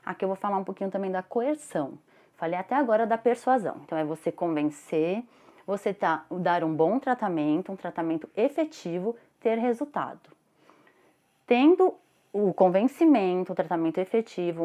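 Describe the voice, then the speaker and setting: A woman lecturing at a steady mid-range pitch. She is animated and jumps high when she tells stories. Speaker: instructor.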